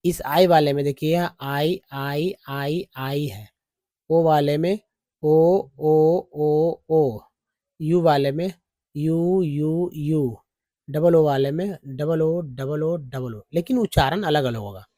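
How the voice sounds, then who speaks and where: A man's voice: fairly high pitch, a little slow, warm tone, no room sound, studio quality. A man teaching a lesson on English vowel sounds in Hindi. He spells words out letter by letter, repeats each sound and keeps checking that the viewer follows.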